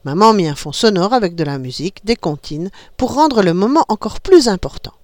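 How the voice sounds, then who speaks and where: A woman reading a children's story aloud in an expressive, animated way. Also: mid-range voice, a little fast, dry recording, studio quality.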